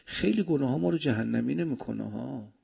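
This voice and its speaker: Gravelly preacher with a husky voice. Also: male voice, medium pitch. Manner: animated, swinging between loud emphasis and soft asides. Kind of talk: sermon. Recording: dull lo-fi recording.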